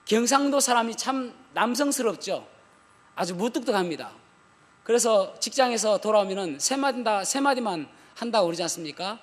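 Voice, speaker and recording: A man preaching a sermon as pastor, animated, with humorous asides to the congregation. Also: sits high, normal speed. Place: church sanctuary. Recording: long church hall reverb.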